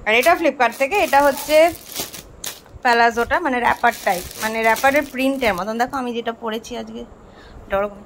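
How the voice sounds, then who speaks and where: A woman's voice: fairly high pitch, fast, a bit bright, slight background noise. A young woman chatting to the camera while she does chores at home. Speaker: family vlogger. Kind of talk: casual chat. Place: home, indoors.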